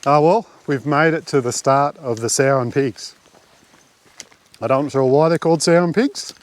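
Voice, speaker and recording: An Australian man vlogging outdoors on a bush track, chatting in a relaxed, rambling way with lots of fillers into a handheld camera mic. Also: a little high, normal speed. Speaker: camping vlogger. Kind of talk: casual walking commentary.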